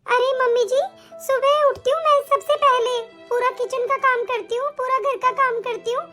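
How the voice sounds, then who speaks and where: A worried young bride from a cartoon story, pleading and close to tears, as a woman plays her. The voice is squeaky and very high. Faint music sits behind her. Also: fairly even intonation, moderate pace, bright, forceful tone. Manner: pleading, emotional, tearful at times. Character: anxious young newlywed bride.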